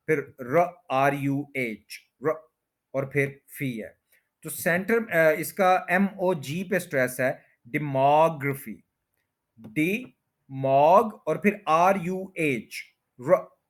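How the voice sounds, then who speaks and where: A man teaching English word stress in a slow explanatory lesson, repeating each word and stretching its syllables. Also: mid-range voice. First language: Urdu or Hindi.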